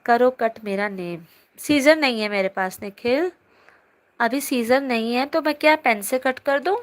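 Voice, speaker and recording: A woman's voice: on the high side, measured pace. A young woman teacher holding a live online class from her phone, reading students' chat comments aloud and answering them in a chatty, teasing way.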